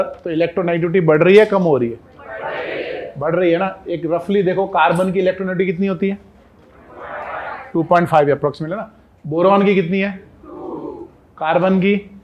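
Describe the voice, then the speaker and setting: A fairly high-voiced man with an Indian accent teaches a class. He talks to the room in a conversational, coaxing way and keeps asking his students questions. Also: a little hiss or hum. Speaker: chemistry teacher. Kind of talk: classroom lecture.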